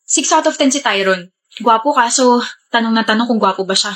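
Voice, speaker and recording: A woman voicing a chatty young woman in a comedy skit, talking in a gossipy, animated way. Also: a little high, brisk. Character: chatty young woman rating her crushes.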